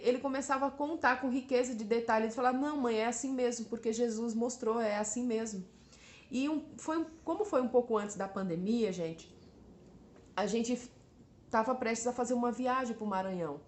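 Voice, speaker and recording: Hesitant Brazilian mother in an echoey room. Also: on the high side. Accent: Brazilian Portuguese. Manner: hesitant, restarting, often appealing to listeners. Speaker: mother giving a religious testimony. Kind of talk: church testimony addressed to the congregation. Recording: roomy echo.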